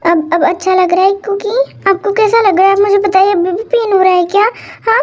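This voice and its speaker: A woman's voice: extremely high pitch, steady tone, fairly quick. A woman voicing a doting, fretful female caretaker who coaxes and fusses, often stammering, in a hobby audio story. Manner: coaxing, fussing, stammering.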